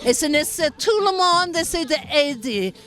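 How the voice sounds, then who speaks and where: A woman with a foreign accent in French, speaking in halting, simple phrases in an informal interview. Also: sits high, expressive. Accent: foreign, non-native French. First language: not French. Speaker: interviewed supporter of a children's village. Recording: loud music and crowd behind.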